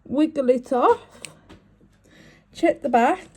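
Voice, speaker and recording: In a crafting tutorial, a woman with a high, slow, mellow voice talks through every step of making a bracelet. She is sniffly from a cold and chatty and apologetic, with a little hiss or hum in the recording.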